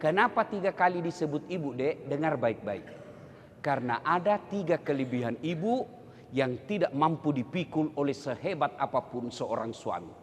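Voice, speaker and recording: A man giving a lively, joking sermon to students. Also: a little high, moderate pace, a little hiss or hum. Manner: lively, joking, acts out voices. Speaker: preacher. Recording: long hall reverb.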